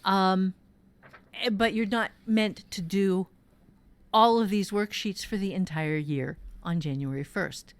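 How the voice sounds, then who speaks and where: At medium pitch and a measured pace, a woman leads a podcast workshop as host and teacher. Her chat is casual and candid, built around emphatic personal stories and free swearing.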